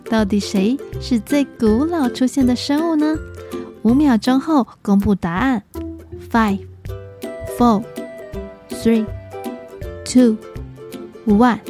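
High, bright woman reading to a toddler. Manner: talks to small children as if reading to a toddler. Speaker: children's storyteller. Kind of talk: narrated children's story and quiz.

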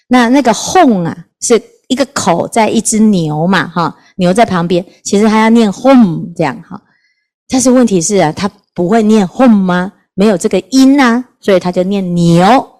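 Lively nun storytelling. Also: female voice, mid-range voice. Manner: lively, questions the listeners, animated storytelling. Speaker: Buddhist nun teaching scripture. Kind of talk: storytelling Dharma talk.

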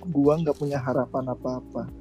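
A man talking over a phone call, blunt and deadpan, swearing casually. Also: medium pitch, normal speed, faint music behind. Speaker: friend called on the phone. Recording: dull phone line.

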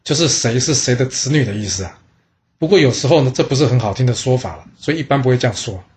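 A man hosting a storytelling podcast, telling history in a chatty, lively way. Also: medium pitch, quick pace. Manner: chatty, lively storyteller voicing characters in dialogue. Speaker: storyteller host.

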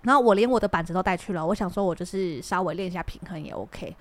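A woman with a Taiwanese Mandarin accent chats on a podcast. She tells her story as a lively storyteller and laughs often. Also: lowish voice, quick pace. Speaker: podcast co-host and mother. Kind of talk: casual chat.

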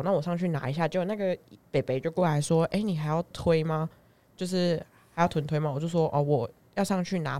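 A woman with a Taiwanese Mandarin accent, hosting a casual podcast and telling stories with frequent giggles. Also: low voice. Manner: giggly, lively storyteller. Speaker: podcast host. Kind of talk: casual chat.

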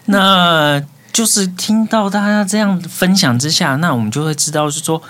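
A man's voice: high voice, moderate pace, fairly bright tone. A man, hosting a podcast, summing up and asking questions in casual chat. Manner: moderating, sums up and asks questions. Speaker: podcast host.

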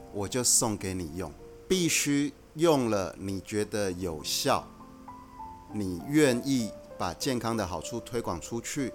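A man who is a guest executive on a podcast, explaining his company's approach in a measured, earnest way. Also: lowish voice. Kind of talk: casual podcast conversation.

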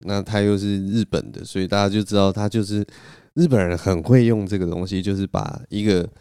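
Mellow low-voiced man rambling casually. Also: steady tone, brisk, smooth, no room sound, studio quality. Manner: rambling, self-mocking, chuckles often. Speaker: podcast host. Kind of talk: casual solo storytelling.

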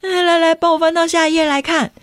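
A woman reading a picture book aloud to children, animated and playful, often asking them questions. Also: very high-pitched, quick pace, no room sound. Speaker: storyteller.

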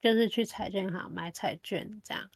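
A woman's voice: mid-range voice, moderate pace, creaky, husky, no room sound. Taiwanese-accented woman chatting, close dry sound. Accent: Taiwanese Mandarin. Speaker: podcast host. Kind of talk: casual chat.

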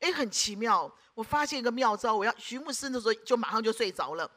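High, bright-voiced woman preaching. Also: expressive, fast talker. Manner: emphatic, keeps asking the congregation rhetorical questions. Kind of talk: sermon.

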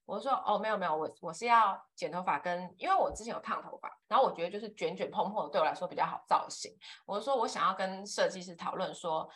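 A woman's voice: on the low side, quick pace, a bit bright. A woman, co-hosting a casual chat and telling a rambling story full of fillers. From Taiwan. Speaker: podcast co-host.

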